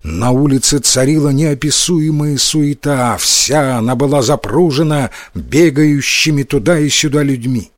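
A man narrating a folk tale as an expressive storyteller, voicing the characters himself. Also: mid-range voice, unhurried, few pauses, no room sound. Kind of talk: storybook reading.

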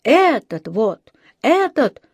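Woman reader doing a whiny street busker, yelps high, loud complaining. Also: very animated, drawn-out words, husky, no echo, clean studio sound, heavily acted. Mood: aggrieved. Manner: shrill, complaining. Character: shrill aggrieved street musician man. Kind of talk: storybook reading.

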